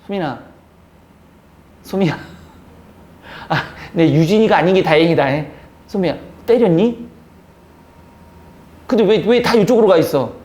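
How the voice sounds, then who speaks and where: Teasing Korean classroom teacher. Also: male voice, a little slow, long pauses, darkish tone. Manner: teasing, scolding banter with students; acts out students' reactions in squeaky voices. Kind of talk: classroom lecture.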